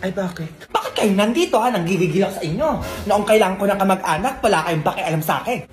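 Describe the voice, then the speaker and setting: A woman performing comic family skits, switching quickly between bickering characters. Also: mid-range voice, animated, faint music behind. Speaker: comedy sketch creator.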